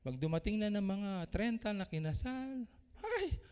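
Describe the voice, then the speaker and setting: A man preaching a sermon as pastor, animated, swinging between loud exclamations and soft asides. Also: sits high, normal speed, clear, resonant tone. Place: church. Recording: church hall with long reverb.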